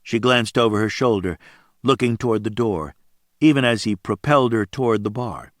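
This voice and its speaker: Low-voiced male audiobook narrator. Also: moderate pace, no echo, studio quality. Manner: steady storytelling, voicing characters in dialogue. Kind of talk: scripted narration.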